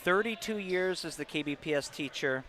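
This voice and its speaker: A man's voice: on the high side, lively intonation, moderate pace, sharp tone. A man giving casual, chatty color commentary on live basketball from a gym. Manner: informal, chatty reactions. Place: indoor basketball gym, courtside. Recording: noisy gym with bouncing balls.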